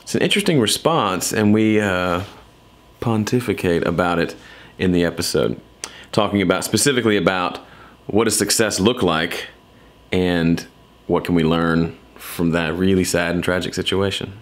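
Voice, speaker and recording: A man's voice: low voice, normal speed. A man chatting casually as a vlog host in a playful, self-deprecating way, his S sounds whistling slightly through a gap in his teeth. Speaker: vlogger and podcast host.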